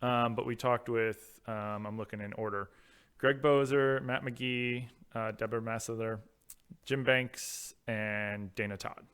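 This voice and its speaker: A man co-hosting a podcast with a dry, matter-of-fact delivery. His voice is smooth and clean, at an everyday mid pitch. He talks things through plainly, with a wry edge. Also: steady tone, measured pace, a bit bright. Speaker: podcast co-host. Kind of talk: casual podcast chat.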